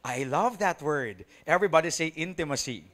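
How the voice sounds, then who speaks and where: A man's voice: a little high, expressive, moderate pace, a bit bright. A young adult Filipino man preaching a sermon with humor, mixing Tagalog and English and acting out churchgoers. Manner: switches between Tagalog and English. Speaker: pastor.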